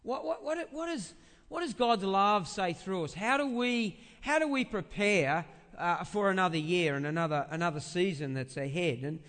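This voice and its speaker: Animated and fairly bright, this pastor's big voice sits high as he preaches conversationally. Rhetorical questions and phrases repeated haltingly for emphasis fill the sermon, recorded with the reverberant sound of a large church.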